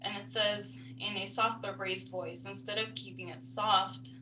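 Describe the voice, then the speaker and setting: A woman's voice: mid-range voice, fairly even intonation, a little slow, background noise. Young woman explaining a music score. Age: young adult. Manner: explanatory, walking through a score. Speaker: music student presenting a lecture recital. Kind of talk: academic presentation.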